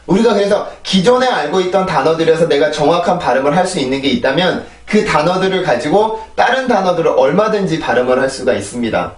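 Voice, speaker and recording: A man's voice: fairly high pitch, reverberant, far from the mic. A man with a Korean accent teaching English pronunciation, explaining patiently and drilling words in repeated sets. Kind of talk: pronunciation lesson. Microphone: clip-on mic on a phone camera.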